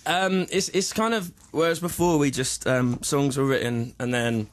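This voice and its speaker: A man's voice: on the high side, fairly even intonation, moderate pace. A man, a musician guest, chatting in a casual radio interview, laid-back and rambling.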